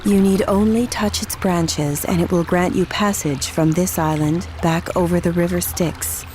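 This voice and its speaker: A woman playing a soft, confident night hag who guides in measured, formal speech in a fantasy video game. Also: lowish voice, fairly even intonation, slight background noise, natural voice. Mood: calm, confident.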